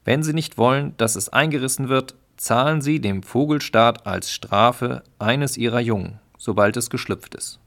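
A man's voice: mid-range voice, normal speed, creaky, few pauses, a bit bright, voice pushed up. A man voicing a pompous sparrow official who speaks in a commanding, bureaucratic tone. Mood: officious. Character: pompous official bird, state sparrow boss.

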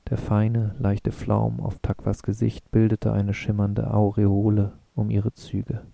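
Low, gravelly male audiobook narrator. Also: dry recording. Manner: even, measured reading. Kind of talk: scripted narration.

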